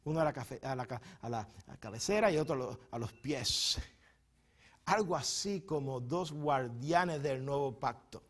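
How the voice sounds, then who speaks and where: A man preaching a sermon as pastor in a church, moving between quiet teaching asides and loud, fervent bursts, often stumbling and repeating words. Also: expressive, normal speed. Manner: swings from soft, low teaching asides to loud, high impassioned preaching.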